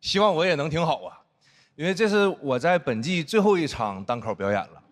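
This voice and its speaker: A man performing a stand-up comedy set on stage, animated and acting out other people's voices. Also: sits high. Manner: animated, acts out friends' teasing voices. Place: stage before a live audience. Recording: noisy live show audio. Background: audience laughter.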